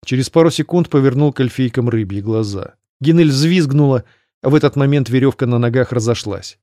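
A man narrating a fantasy audiobook in an even, measured storytelling manner. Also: mid-range voice, dry recording, clean studio sound.

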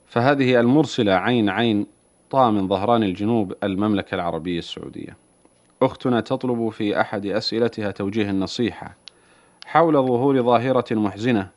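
Male program presenter, formal standard Arabic, scripted delivery, brisk pace, fairly low register. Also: a little mellow, dry recording. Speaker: radio program host. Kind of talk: scripted formal radio introduction and question reading.

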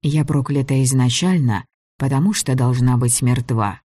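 A man narrates a fantasy audiobook in a steady, measured way. His voice is mid-pitched for a man. The sound is close and dry, with no room around it. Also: no echo.

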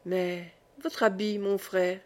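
A woman's voice: mid-range voice, little pitch movement, slow, lightly acted. A woman voicing a young, cautious knight who speaks earnestly and guardedly.

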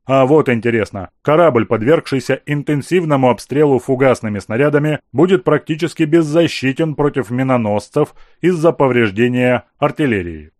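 A man's voice: mid-range voice, moderate pace, hardly any pauses, a little mellow, dry recording, clean studio sound, lightly acted. A man voicing an earnest naval officer who reasons aloud about tactics. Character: earnest male naval officer, normally unflappable.

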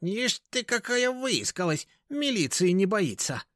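Man doing a high, sharp-edged nagging neighbor lady, scolding, audiobook. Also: very animated, a little slow, no room sound, clean studio sound, exaggerated voice. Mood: gloating. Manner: grumbling, scolding. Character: shrill quarrelsome woman neighbor.

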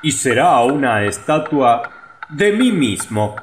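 A man voicing a vain, pompous town mayor in a storybook reading, declaiming loudly. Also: mid-range voice, sing-song, slow pace, reverberant, a little hiss or hum, voice pushed up.

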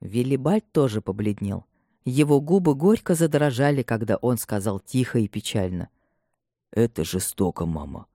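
Мужчина читает аудиокнигу, размеренно ведёт повествование и сам озвучивает всех героев. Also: male voice, medium pitch, expressive, mellow, no room sound, clean studio sound. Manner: measured, reads all the characters himself. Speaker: audiobook reader. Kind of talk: scripted literary narration.

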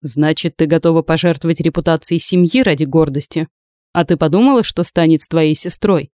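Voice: mid-range voice, brisk, darkish tone, dry recording, close to an everyday voice. A reader voicing a stern, commanding noble uncle who talks harshly and imperiously, in a dry close recording. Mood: cold, domineering. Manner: harsh, imperious, barks orders.

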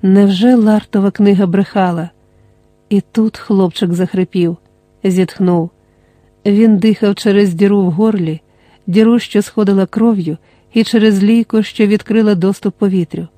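An audiobook narrator reading a dramatic novel in a measured, dramatic way. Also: mid-range voice, fairly even intonation, dark tone, dry recording.

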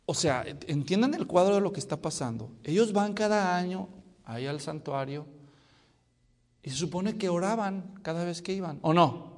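Male pastor for a sermon, animated and playful with the congregation, pitched a little high. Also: long reverb tail. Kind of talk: expository sermon. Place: church sanctuary.

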